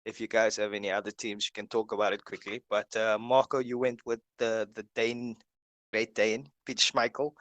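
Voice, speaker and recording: A man's voice: lowish voice, level tone, normal speed, a bit bright, dry recording. A man hosting a casual video call, reading through lists with lots of "uh" and "um" fillers. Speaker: host.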